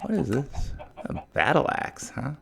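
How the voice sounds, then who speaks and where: A man casually narrating his modded game as a let's play host, thinking aloud in a relaxed, mumbling way, with faint music behind. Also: medium pitch, a little slow, vocal fry, slight background noise. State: morning voice. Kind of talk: casual gameplay commentary.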